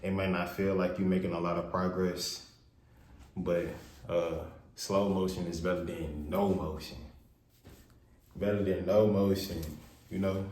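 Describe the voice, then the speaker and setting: A man giving a casual spiritual tarot reading in a loose, rambling way with a naturally monotone voice, his words washed in heavy room reverb. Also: low voice. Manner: loose, rambling, with many fillers. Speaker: tarot reader. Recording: echoey untreated room, faint noise.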